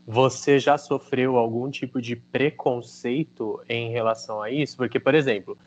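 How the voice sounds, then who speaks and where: A man with a Brazilian Portuguese accent hosting a casual interview, telling a story with lively quotes of what others said. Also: medium pitch, normal speed, a little hiss or hum. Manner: animated storytelling, quoting others. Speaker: host.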